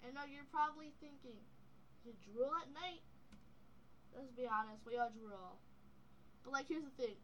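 A woman's voice: a little high, sharp tone, slight background noise, rough recording. A young woman with speech slightly impeded by dental braces, rambling candidly in a casual podcast chat. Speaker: podcast co-host.

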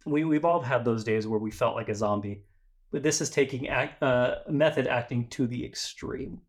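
A man's voice: mid-range voice, normal speed. A man co-hosting a podcast, chatting casually in a rambling, jokey way and often stumbling over his words. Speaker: podcast co-host. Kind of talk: casual chat.

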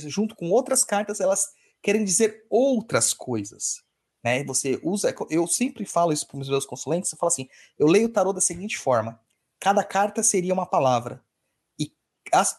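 A man with a high voice and a husky edge explains things in a relaxed, teacherly way. He speaks straight to the listener, repeats his main points for emphasis, and keeps checking in with short asides. It sounds like casual podcast talk. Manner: teaching, repeats key phrases, addresses listener directly. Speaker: spiritual teacher and podcast host.

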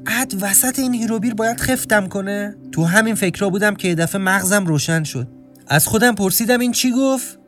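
Brief: male storyteller, slightly higher voice, tense first-person narration, soft music underneath. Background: faint music.

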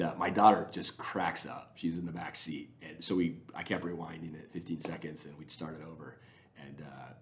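Deep-voiced man rambling with enthusiasm. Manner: rambling, enthusiastic, many restarts. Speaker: podcaster. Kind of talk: casual spoken recommendations.

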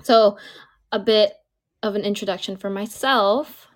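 A woman's voice: mid-range voice, steady tone, measured pace. Young woman hosting a podcast. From United States. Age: 20s. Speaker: podcast host. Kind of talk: conversational podcast discussion.

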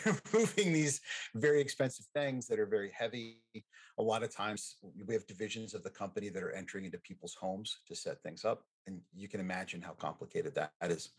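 A man's voice: low-pitched, breathy edge. A middle-aged man from the United States, a guest on a podcast, chatting casually and telling jokey stories. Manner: animated, jokey storyteller. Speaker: guest, freight forwarding executive.

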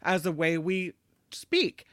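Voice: mid-range voice, expressive, takes it slowly, a bit bright, no room sound, clean studio sound. A radio co-host reading news items in a chatty, conversational way. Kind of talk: casual news banter.

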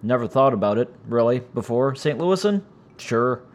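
With cats noisily audible behind him, a US podcast host chats on his own in a loose, rambling way, often saying "uh" and poking fun at himself. His medium-pitched voice is raspy and strained from damaged vocal cords, yet expressive, and he keeps a moderate pace.

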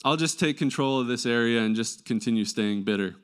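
A man delivers a sermon in a clear, smooth voice with a nasal tinge from a mild cold. He moves between reading scripture and explaining it conversationally, often checking in with rhetorical questions. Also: mid-range voice, fairly quick. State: slight head cold. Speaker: preacher.

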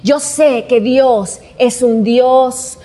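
A woman doing young David, a bold shepherd boy, earnest and high-voiced, in a sermon retelling. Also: drawn-out words, mellow, heavily acted.

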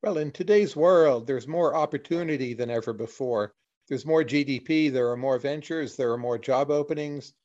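A man, a guest in an interview, explaining his views in a measured way, in plain short lists. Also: mid-range voice, a little mellow. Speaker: economist guest. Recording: dull lo-fi audio.

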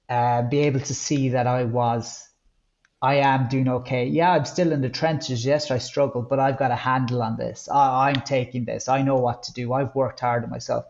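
A man with a Kerry accent from the west of Ireland, telling personal stories as a podcast guest, haltingly and with words repeated for emphasis. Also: medium pitch, darkish tone, muffled recording. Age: 30s or older. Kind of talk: candid personal storytelling in conversation.

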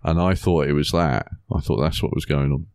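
Low-voiced man, chatty. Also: steady tone, a little fast, creaky, darkish tone, dry recording, clean studio sound. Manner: chatty, laughs often, frank. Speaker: podcast co-host. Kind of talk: casual film discussion.

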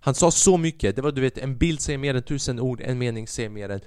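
A man's voice: medium pitch, clean tone, no room sound, clean studio sound. A young man hosting a casual solo podcast, telling stories with lots of swearing and acting out what others said. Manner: swearing, animated, acts out quotes. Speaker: podcast host.

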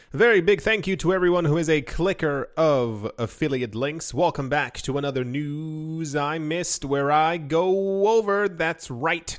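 A man's voice: a little high, a bit bright. A man hosting a crypto news show, reading headlines and drifting into chatty, rambling asides full of fillers. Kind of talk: casual news commentary.

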